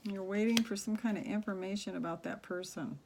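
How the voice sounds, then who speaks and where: Woman, tarot reader, quiet low-key delivery, halting with fillers, mid-pitched, faint hiss behind. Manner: soft-spoken, halting with many fillers. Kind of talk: tarot reading to camera.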